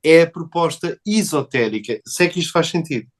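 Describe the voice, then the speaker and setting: A man's voice: on the high side, expressive, fairly quick. Discursive Portuguese male interviewer. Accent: European Portuguese. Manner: discursive, philosophical, thinking aloud. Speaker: host interviewer. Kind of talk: interview conversation.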